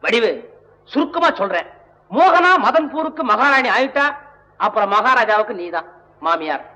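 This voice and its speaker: A shrill scheming comic fixer. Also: male voice, lively intonation, normal speed, pushed and bright, heavily acted, rough recording. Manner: wheedling, plotting. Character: scheming fast-talking comic middleman, adult male. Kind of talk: old film dialogue. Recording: old film soundtrack.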